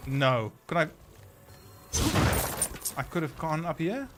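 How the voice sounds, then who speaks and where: Lively-pitched streamer reacting to play. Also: male voice, takes it slowly, background noise. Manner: chatty, reacts aloud, mutters to himself. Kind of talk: casual live gameplay commentary.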